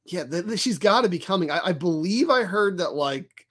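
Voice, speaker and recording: A man co-hosts a casual fan podcast in a slightly higher voice. He talks in an animated, rambling way and drops the odd swear word. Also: normal speed. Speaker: podcast co-host. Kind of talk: casual chat.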